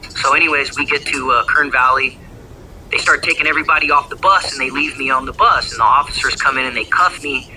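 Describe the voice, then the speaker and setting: A man's voice: mid-range voice, fast, sharp tone, a little hiss or hum, poor audio. A man telling his own story in a casual, rambling way, heavy on slang and swearing. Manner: profane, slangy, rambling with fillers. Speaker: former gang member telling his story.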